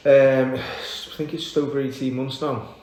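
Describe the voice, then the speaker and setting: Low mellow merseyside guy, relaxed, candid, lots of ums, roomy echo. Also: a little hiss or hum. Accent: Merseyside English. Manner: relaxed and candid, with pauses and fillers. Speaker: interview guest. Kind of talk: casual interview chat. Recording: echoey room.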